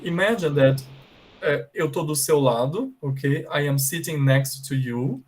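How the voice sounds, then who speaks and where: Slow, patient Brazilian English teacher. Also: male voice, on the high side, expressive, poor audio. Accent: Brazilian Portuguese. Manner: patient, repetitive, checks in often with students. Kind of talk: bilingual online English class.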